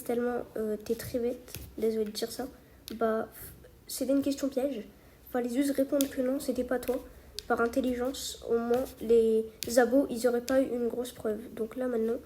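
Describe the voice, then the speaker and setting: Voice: mid-range voice, warm tone, slight background noise. A child or young teenager talking casually and hesitantly to subscribers in an informal online video commentary. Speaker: video creator addressing subscribers.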